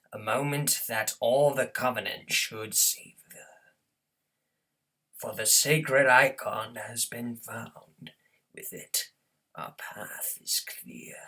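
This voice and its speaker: A man voicing a thunderous, wrathful alien prophet from a video game, pompous and zealous, with a husky, gravelly, breathy voice and grand, solemn oratory. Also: mid-range voice, pushed and bright, distant mic, heavily acted, poor audio. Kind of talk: theatrical game villain impression, grand speeches.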